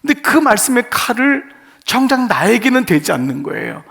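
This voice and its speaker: A man's voice: extremely high pitch, sing-song, moderate pace, creaky, a bit bright. A male pastor giving an earnest sermon in short phrases, putting rhetorical questions to his congregation. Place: church sanctuary.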